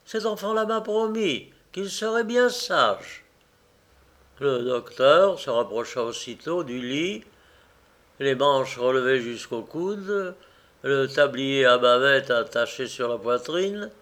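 Slow, measured male audiobook narrator. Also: medium pitch. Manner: slow, measured, expressive reading. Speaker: audiobook reader. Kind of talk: scripted narration of a classic novel.

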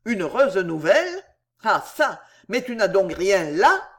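Hot-tempered proud poet, voiced by a woman reader, declamatory, slow and weighty. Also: sing-song. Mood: raging indignation. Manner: indignant, booming, declamatory. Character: proud, indignant man poet, quick to rage.

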